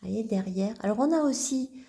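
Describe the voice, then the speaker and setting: A woman vlogger casually showing her card decks, talking gently and haltingly with many restarts. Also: on the high side, lively intonation, gravelly. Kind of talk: casual show-and-tell vlog.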